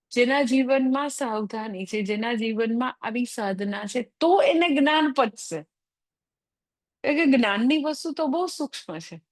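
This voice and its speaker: A woman's voice: sits high, dry recording. A woman spiritual teacher giving a scripture class in a conversational way, dropping English phrases into her talk.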